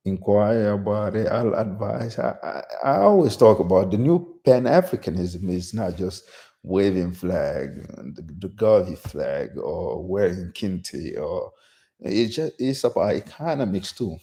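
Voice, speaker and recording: Gravelly low-voiced man from Guinea. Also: warm tone. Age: middle-aged. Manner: unscripted, many restarts and "you know". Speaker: channel host. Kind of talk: casual solo live stream.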